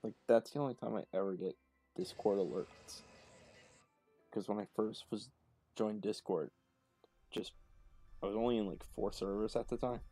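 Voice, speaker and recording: A man's voice: lowish voice, steady tone, moderate pace, long pauses, mellow, faint music behind. A young man chatting casually on a game stream, joking and teasing, laughing often.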